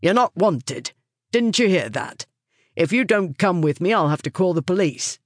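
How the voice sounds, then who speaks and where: Gruff tall neighbor man, put on by a woman narrator, stern, dry audiobook sound. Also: fairly low pitch, animated, moderate pace, no room sound. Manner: gruff, challenging.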